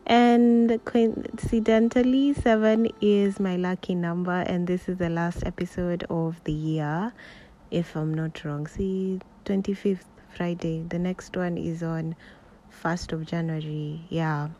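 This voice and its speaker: A woman's voice: lowish voice, flat delivery, takes it slowly, dark tone. A woman in her twenties with a Kenyan accent, chatting candidly and unscripted as a solo podcast host. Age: 20s. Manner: candid, conversational, rambling. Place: at home next to a road. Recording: noisy home recording beside a road. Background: faint street noise, passing cars.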